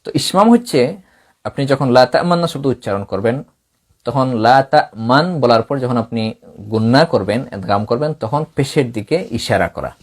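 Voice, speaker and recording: A middle-aged man from Bangladesh, a Quran recitation teacher giving a tajweed lesson in a measured, explaining way, now and then breaking into chanted recitation. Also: medium pitch, lively intonation.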